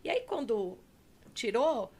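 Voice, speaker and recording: Young woman podcast host, slightly high voice, animated storyteller who acts out quotes; casual chat. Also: slow pace.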